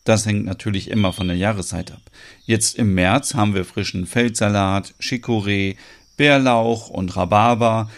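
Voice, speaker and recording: A man's voice: fairly low pitch, fairly even intonation, normal speed, lightly acted. A man playing a welcoming farmer. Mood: explaining. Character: friendly farmer man around forty, welcoming.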